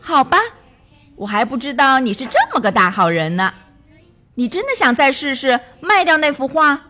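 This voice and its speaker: A woman's voice: high-pitched, lively intonation, moderate pace, sharp tone, pitched above the performer's own voice. A woman voicing a lazy, playful young pond creature with a light, teasing way of talking.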